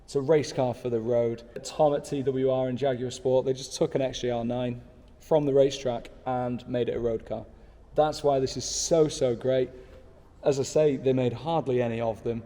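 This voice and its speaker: A man's voice: mid-range voice, steady tone, normal speed, mellow, in a large hall. A man in his thirties, talking casually to camera from his desk, enthusiastic and rambling with asides. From United Kingdom. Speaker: car channel host. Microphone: small pocket camera.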